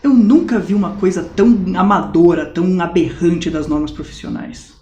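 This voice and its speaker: An acting student with a Brazilian Portuguese accent and a high-pitched, dark-toned, natural voice speaks at normal speed. He plays a Swiss ex-mercenary in his late thirties telling war stories in a dry, amused, wry way, in mock-documentary stage acting. The room is echoey.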